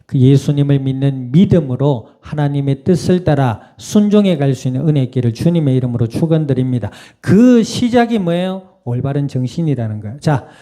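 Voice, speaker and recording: A man's voice: medium pitch, expressive, brisk, hardly any pauses, mellow. A man preaching a Sunday sermon in a conversational way, asking the congregation questions and laughing now and then. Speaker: pastor. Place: church sanctuary.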